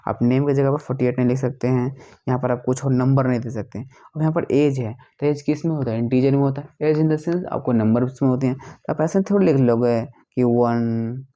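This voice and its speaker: Man, teacher, mellow tone, asks and answers own questions, self-corrects. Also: mid-range voice, brisk. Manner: repeats questions and answers them himself, frequent self-corrections. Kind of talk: explaining a computer lesson.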